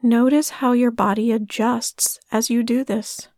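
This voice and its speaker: Slow, soothing woman guiding meditation. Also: on the high side, fairly even intonation, a little mellow, no room sound, clean studio sound. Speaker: meditation guide. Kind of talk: guided meditation.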